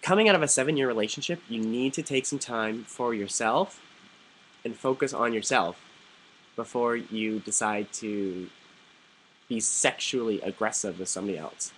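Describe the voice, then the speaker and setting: A young man vlogging, telling a story casually to the camera with many "like"s and animated quoted voices. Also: lowish voice, moderate pace, slight background noise, rough recording. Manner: chatty, animated, quoting others in lively put-on voices, frequent "like".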